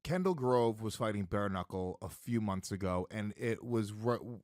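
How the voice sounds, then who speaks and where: Role: co-host. Sex: man. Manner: teasing, hesitant fillers. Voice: lively, dry. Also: lowish voice, moderate pace, dry recording. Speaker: podcast co-host. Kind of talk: casual podcast chat.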